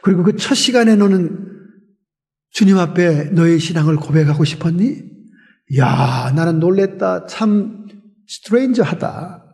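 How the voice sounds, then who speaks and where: A pastor voicing a puzzled young churchgoer, incredulous, high and mellow, long reverb. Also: male voice, expressive, a little slow, vocal fry, heavily acted. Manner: incredulous, questioning. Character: puzzled churchgoing young man questioning a friend.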